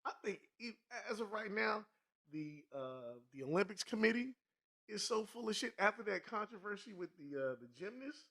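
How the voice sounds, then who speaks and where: A male podcast co-host in loose conversation, blunt and quick to swear. His voice is fairly high for a man and sharply bright, with lively, animated delivery. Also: gravelly. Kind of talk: casual chat.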